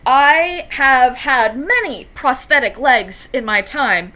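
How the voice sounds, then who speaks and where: A woman's voice: high voice, animated, slow pace, bright, forceful tone, heavily acted. A woman voicing an elderly cartoon grandparent who tells long-winded, folksy stories. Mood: rambling.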